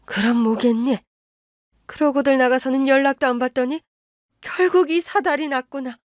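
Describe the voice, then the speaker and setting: A woman's voice: high-pitched, steady tone, moderate pace, darkish tone, no echo, clean studio sound, pitched above the performer's own voice, natural voice. A woman voicing an older mother-in-law who plays favorites and brushes off complaints, in a storybook radio drama. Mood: dismissive. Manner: brushing off, self-justifying. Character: older mother-in-law, dismissive and favoring her elder son.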